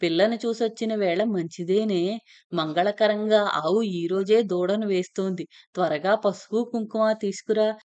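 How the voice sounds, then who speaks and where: A woman voicing a devout older mother-in-law who talks in a hurried, bossy way. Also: medium pitch, darkish tone, lightly acted.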